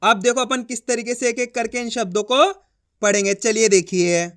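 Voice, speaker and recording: A man teaching a reading lesson step by step, drilling with repeated questions and answers and stretching syllables out slowly. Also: extremely high pitch, steady tone, a bit bright.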